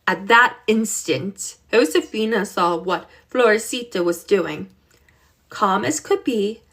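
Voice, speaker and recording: Woman reading a storybook, slow and lively. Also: medium pitch. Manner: expressive, unhurried storytelling. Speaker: reader. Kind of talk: reading a children's book aloud.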